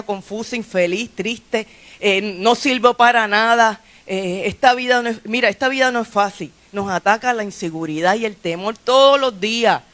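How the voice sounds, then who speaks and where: A woman's voice: a little high, a bit bright. A woman pastor, preaching a sermon in a chatty, conversational way, often restarting her phrases. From Puerto Rico. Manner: conversational preaching with frequent restarts and light laughs. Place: church sanctuary.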